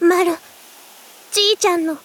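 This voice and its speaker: A woman's voice: very high voice, steady tone, normal speed, a bit bright. A woman voicing a sweet, timid teenage girl with a rustic verbal tic at the end of her lines, in a radio drama. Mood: remorseful. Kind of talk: anime radio drama acting.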